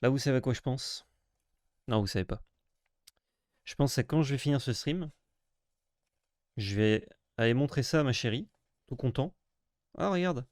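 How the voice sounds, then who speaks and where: A man's voice: dry recording, studio quality. Sarcastic man joking through a card unboxing. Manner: sarcastic, self-mocking banter with crude jokes; breaks into sudden high excited yelps. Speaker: streamer opening card packs. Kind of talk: casual unboxing commentary.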